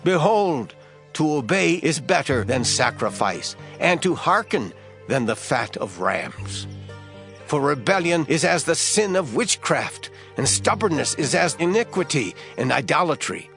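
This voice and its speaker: A man's voice: a little high, big pitch swings, measured pace, creaky, fairly bright tone, soft background music, exaggerated voice. A man playing a stern, righteous prophet in a dramatized scripture reading, solemn and declamatory. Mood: rebuking. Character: stern, righteous prophet delivering divine judgement.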